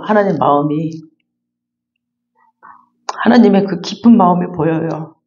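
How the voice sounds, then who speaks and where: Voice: mid-range voice, a little mellow, highs cut off. A pastor preaching a fervent, repetitive sermon and then leading a closing prayer in a church sanctuary.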